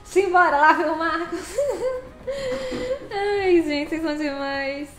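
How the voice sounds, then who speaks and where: A woman's voice: extremely high pitch, slow pace, a bit bright, roomy sound. A woman live-streaming a truck game, chatting casually, laughing often and greeting viewers by name.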